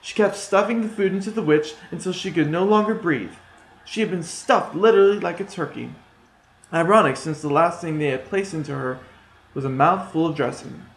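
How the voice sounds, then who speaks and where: A man's voice: on the high side, a little fast, creaky. A man, a student, telling a rewritten fairy tale in a plain, slightly hesitant way. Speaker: storytelling student. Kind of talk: storytelling. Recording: echoey room.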